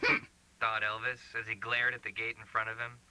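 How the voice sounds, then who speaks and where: A man giving dramatic, wry scripted narration for an animated short. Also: lowish voice, a little fast, smooth, soft background music, poor audio. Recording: hissy VHS tape rip.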